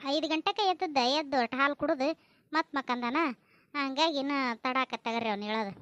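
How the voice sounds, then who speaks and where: A woman with a North Karnataka accent acting in a family comedy skit, chatty, brisk and plain-spoken. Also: high-pitched, fairly bright tone, dry recording. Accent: North Karnataka Kannada.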